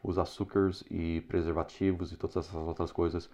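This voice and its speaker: A man teaching parents in an earnest, moralizing way, pausing often with hesitant fillers. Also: sits low, little pitch movement, dark tone. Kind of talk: preachy instructional talk. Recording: slightly dull lo-fi sound.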